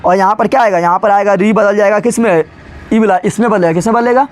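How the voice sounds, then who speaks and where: A man's voice: high voice, fairly even intonation, fast talker. A man teaching a grammar lesson to students. He keeps asking a question and then answering it himself, in casual, familiar Hindi. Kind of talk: classroom-style lesson with call-and-response questions.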